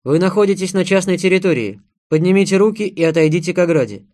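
A man reading an audiobook, voicing a ruthless young armed guard who gives curt, loud orders. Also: high voice, quick pace, voice pushed up. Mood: commanding. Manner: curt, commanding.

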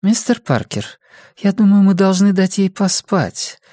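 A man voicing a fussy female nurse who speaks in a flustered, hurried way. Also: high voice, animated, darkish tone, no echo, studio quality, pitched above the performer's own voice.

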